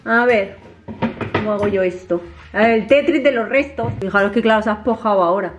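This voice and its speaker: A woman's voice: medium pitch, brisk, highs cut off, heavy background noise. A woman, chatting casually to viewers in her home kitchen as a vlogger. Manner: chatty, animated, addresses viewers directly. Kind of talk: casual home vlog chat.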